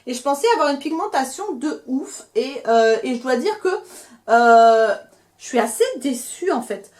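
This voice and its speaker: Young woman, beauty vlogger, casual haul chat, fairly high voice, lots of fillers and restarts. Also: lively intonation, moderate pace, darkish tone. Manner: chatty, hesitant, many fillers and restarts. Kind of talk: casual product haul review.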